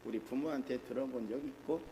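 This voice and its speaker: A man's voice: medium pitch, brisk, mellow, a little hiss or hum. A middle-aged man preaching a sermon as pastor in a church, often asking the congregation questions. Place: church sanctuary. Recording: reverberant church hall, faint ambience.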